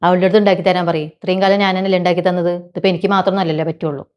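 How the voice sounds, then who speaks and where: Sharp-tongued bickering daughter-in-law, played by a woman. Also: lowish voice, level tone, rapid-fire, dull audio, slight background noise, lightly acted. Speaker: actor in a family short film. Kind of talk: domestic drama acting.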